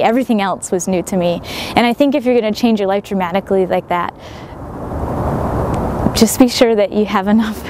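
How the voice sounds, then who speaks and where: A woman's voice: mid-range voice, darkish tone, a little hiss or hum. Reflective young woman at a marina. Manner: earnest, reflective, with frequent fillers and restarts. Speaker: sailor and writer. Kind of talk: interview answers. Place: outdoors at a marina.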